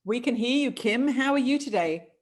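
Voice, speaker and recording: Speaking as a collective "we," a middle-aged spiritual channeler hosts a show, giving calm, measured guidance and talking with callers. Her voice is a little high.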